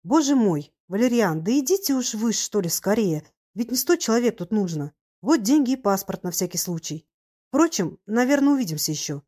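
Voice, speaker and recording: A woman reading as a bossy, hurried comrade. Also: a little high, big pitch swings, dark tone. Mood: urgent.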